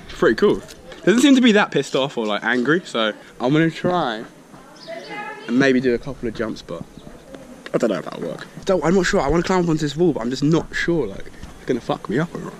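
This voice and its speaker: A young British man narrating a parkour vlog on city rooftops, nervous and excited, swearing freely. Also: a little high, a little fast. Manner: excitable, swears a lot, nervous running commentary. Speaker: parkour vlogger. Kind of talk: casual handheld vlog commentary. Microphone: action camera on body. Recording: wind and street noise outdoors. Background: outdoor street and wind noise.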